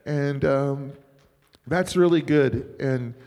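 Speaking slowly in a mid-range, slightly mellow voice, a middle-aged pastor spins stories and laughs a lot during a loose, conversational sermon. The informal storytelling takes place in a church and echoes through a reverberant hall.

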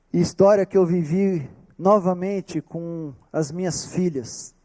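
A man with a Brazilian accent preaching a sermon, telling a personal story earnestly and slowing down on key words. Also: on the high side, mellow. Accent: Brazilian Portuguese. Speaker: pastor.

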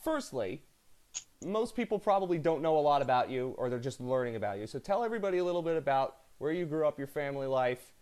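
A man's voice: fairly high pitch, expressive, fast talker, a little mellow, clear, resonant tone. A man with a North American accent, interviewing as a podcast host in a chatty, effusive way.

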